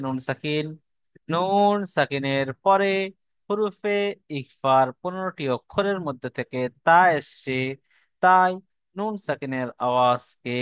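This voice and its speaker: A man teaching a Quran recitation lesson online, patiently repeating rules and slowly spelling out syllables. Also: medium pitch, fairly bright tone, clean tone, no room sound.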